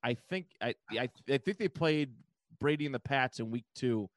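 A man's voice: mid-range voice, expressive, normal speed, no echo. A man co-hosting a podcast, chatting casually about football, rambling with lots of fillers and restarts. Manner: rambling, hesitant, many fillers. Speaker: podcast co-host. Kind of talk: casual sports chat.

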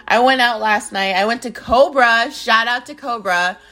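A woman in her twenties hosting her own podcast in casual, playful chat that swings between loud bursts and low mumbles. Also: unhurried. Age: 20s. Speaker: podcast host. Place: home in Arizona. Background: music beat playing.

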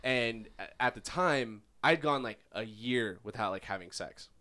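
A man in his twenties co-hosting a casual chat at home, animated and profane, full of "like" fillers, into a big microphone. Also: mid-range voice, measured pace. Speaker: podcast co-host. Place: home bedroom. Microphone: large studio-style microphone.

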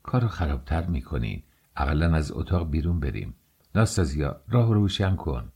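A man voicing an excitable, loyal young student in an audiobook, loud and eager. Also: low voice, breathy edge. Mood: hushed. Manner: excited, shouting. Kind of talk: audiobook character voice.

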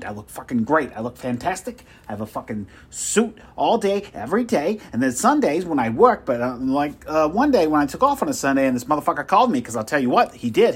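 A man's voice: a little high, slightly rough. A man playing a pushy, insulting telemarketer who brags and swears. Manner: loud, insulting hard sell. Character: pushy rude male phone salesman.

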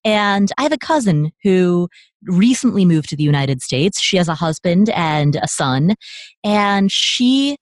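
Lively woman guest, dry close sound. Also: on the low side, a little slow, no room sound. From Nepal. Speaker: podcast guest. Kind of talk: conversational interview.

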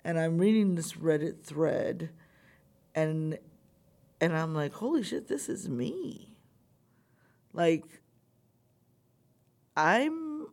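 A woman telling a candid personal story, talking openly and with plenty of swearing, acting out the things people said. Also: a little mellow. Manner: candid, profane, acts out quotes with big pitch jumps.

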